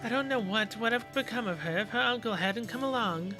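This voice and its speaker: A man voicing a gentle, polite young woman servant who speaks softly and a little nervously. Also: very high voice, brisk, music in the background. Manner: soft-spoken, courteous, slightly nervous.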